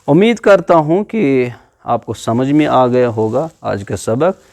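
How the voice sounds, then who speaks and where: A man's voice: mid-range voice, animated, darkish tone, no room sound. A man with a Pakistani Urdu accent teaching a classroom video lesson on the Quran, patiently explaining letter by letter and drawing out sounds to demonstrate them.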